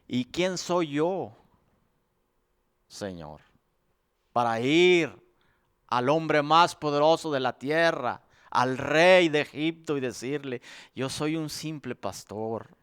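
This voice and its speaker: A preacher voicing Moses as a humble, doubting shepherd who pleads in a soft, lowered voice during a sermon. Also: male voice, slow pace, clean tone.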